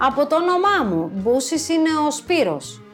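A woman's voice: high voice, sing-song, soft background music, pitched above the performer's own voice. A woman voicing a blunt old village man, quoting him in a spoken story.

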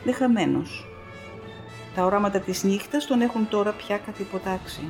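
A woman's voice: mid-range voice, over music, lightly acted. A woman reading as a grave, resigned doctor. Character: grave, resigned male physician.

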